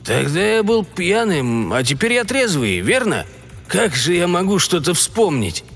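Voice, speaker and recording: Brief: male narrator as a timid drunk projectionist, shaky slow mumble; long reverb, faint music. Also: high voice, very animated, fairly bright tone, slightly rough, voice pushed up, exaggerated voice. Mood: fearful. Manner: weak, trembling, slow mumbling. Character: frightened drunk middle-aged male projectionist.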